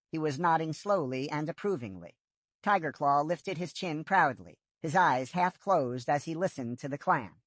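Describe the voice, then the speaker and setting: Woman audiobook narrator, lower-pitched, expressive, dry close sound. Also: no room sound. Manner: expressive storytelling with lively intonation.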